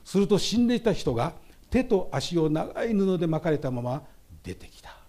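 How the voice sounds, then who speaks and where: A man's voice: a little high, sing-song, normal speed, dark tone. A man from Japan, a pastor, preaching a memorial service sermon and often turning to address the congregation.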